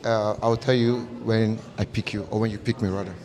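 A man with a fairly low voice flirts as a dating contestant. He talks smoothly and deliberately, often sinking into a soft hush. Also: fairly even intonation. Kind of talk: casual chat.

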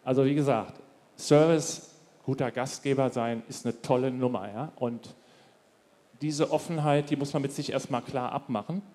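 A man on a panel talks in a loose, rambling way, his voice dark and mellow. The sound rings with long reverb through a large hall. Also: mid-range voice, moderate pace. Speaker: panel guest. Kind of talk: panel discussion.

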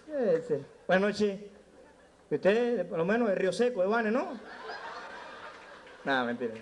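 A man's voice: high voice, slight background noise. A man with a Cuban accent doing live stand-up in a nightclub, brashly teasing the audience and slipping into broken English. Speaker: stand-up comedian working the crowd.

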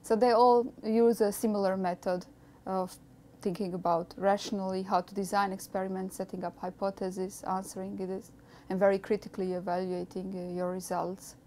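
A woman in her thirties from Croatia with a Croatian accent, a postdoctoral researcher speaking in a measured, thoughtful way with frequent hesitations, recorded on a lapel mic in a small lab office. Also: medium pitch, little pitch movement, warm tone. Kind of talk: documentary interview.

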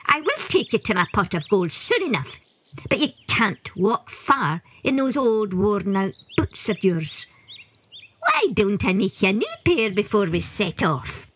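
A woman's voice: mid-range voice, huge pitch swings, a little slow, a bit bright, a little hiss or hum. A woman voicing a sly little old male leprechaun, wheedling and tricky.

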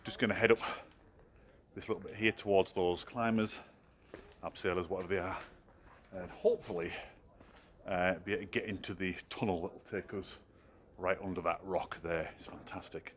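With a low voice and steady tone, the middle-aged man speaks at normal speed but leaves long pauses. He's a vlogger and hiking guide doing informal, chatty walking-vlog commentary outdoors on trails and in a cave, with outdoor noise and ambience audible.

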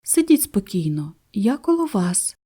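A woman's voice: medium pitch, sing-song, breathy edge. A woman voicing a tender mother songbird. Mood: soothing. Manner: soft, slow, tender. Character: gentle caring mother siskin bird.

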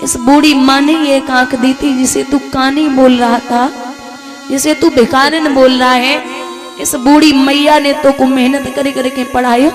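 A woman's voice: high voice, level tone, a little slow. A woman storyteller voicing a devoted, pleading poor old mother, with music playing behind. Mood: tender. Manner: pleading, tender.

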